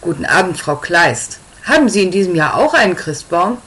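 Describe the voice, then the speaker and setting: A woman's voice: lowish voice, very animated, moderate pace, a bit bright. A woman voicing a prim, condescending older neighbor.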